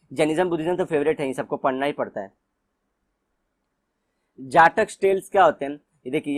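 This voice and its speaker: Young male teacher, Indian accent, somewhat high voice, explaining casually and reading textbook lines at a slow pace. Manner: explains in Hindi mixed with English, reads textbook lines slowly. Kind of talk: exam-prep lecture.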